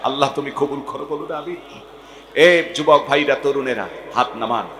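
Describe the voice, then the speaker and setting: A male preacher telling a sad story in a waz sermon, moving between loud chanted wails and low murmured narration. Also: normal speed, background noise. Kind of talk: sung Bengali waz sermon. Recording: echoey hall, long reverb.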